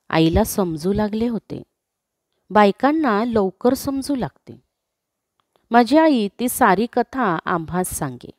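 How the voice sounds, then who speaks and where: A woman narrating a classic story in a slow, expressive reading. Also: medium pitch, no room sound, clean studio sound.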